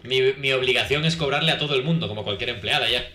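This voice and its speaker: A man rattles off mocking, incredulous commentary at great speed. His voice is bright, and the room around him is roomy and echoing. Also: mid-range voice, fast talker. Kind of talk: reaction commentary. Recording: roomy echo.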